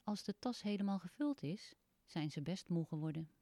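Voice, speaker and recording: Woman, lesson narrator, low mellow voice, slow measured reading, dry close sound. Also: animated, dry recording. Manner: clear, measured storybook reading.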